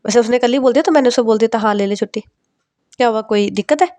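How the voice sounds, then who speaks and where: A woman voicing a polite young female boss, respectful and soft-spoken. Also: on the high side, rapid-fire, natural voice.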